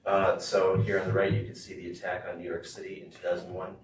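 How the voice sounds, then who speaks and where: A man interpreting a student's talk into English at a school board meeting, steady with frequent "uh". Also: low voice, normal speed. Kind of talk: consecutive interpreting. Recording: echoey room, far mic, noisy.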